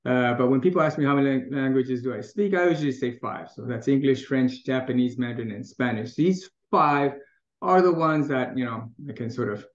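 This guest is a middle-aged man from Taiwan with a mid-range voice that runs a little fast. In a relaxed interview he thinks aloud, restarting many times and laughing readily, captured in an echoey room with dull, lo-fi audio.

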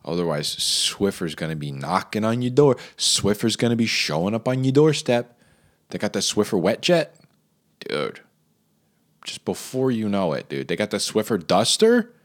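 A man's voice: on the low side, big pitch swings, moderate pace. A man ranting comically about an advertisement, incredulous and riffing with lots of fillers. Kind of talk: comedic rant.

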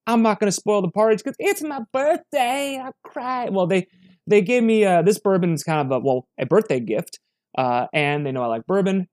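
A man's voice: fairly high pitch, darkish tone. A man giving a casual, rambling spoken review, chatty and full of restarts. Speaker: bourbon reviewer.

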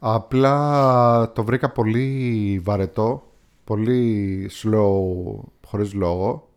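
A man's voice: fairly low pitch, a little mellow, clear, resonant tone. A man co-hosting a casual film-review podcast, speaking as a picky, opinionated critic who likes to mimic actors' accents. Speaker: podcast co-host.

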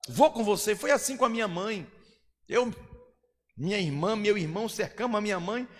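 A pastor preaches a Pentecostal sermon, dropping to soft, close asides and then rising to shouted declarations. His voice is high for a man. A long reverb from the church hall trails behind his words. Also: animated, moderate pace.

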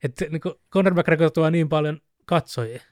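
A man casually chatting on a podcast, telling a story with animated retellings. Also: on the high side, dry recording, clean studio sound. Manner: animated storyteller, mimics shouting with laughs. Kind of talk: casual chat about fighting sports.

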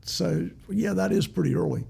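A man's voice: high voice, moderate pace, vocal fry, a little mellow, slightly rough. A seventy-year-old man from South Carolina with a Southern US accent, chatting casually as an interviewer. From South Carolina, United States. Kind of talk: casual chat.

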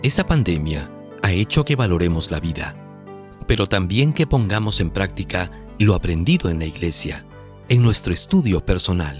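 A man reading scripted documentary narration in a measured, solemn way. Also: deep voice, animated, faint music behind.

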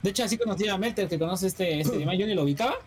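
A man's voice: high-pitched, very fast, faint music behind. A man with a Mexican accent in casual chat, slangy and hesitant as he tells a story. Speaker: streamer co-host.

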